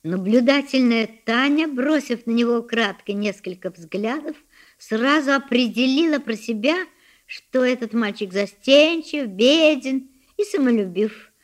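A woman reading a classic story aloud as an audiobook narrator. Her voice is slightly high, and her intonation moves in a lively way. The reading is expressive and well paced. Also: measured pace.

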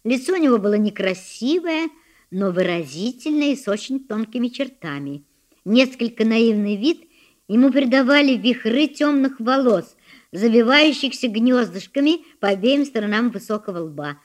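A woman reading a classic story aloud as an audiobook narrator. Her voice is slightly high, and her intonation moves in a lively way. The reading is expressive and well paced. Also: normal speed.

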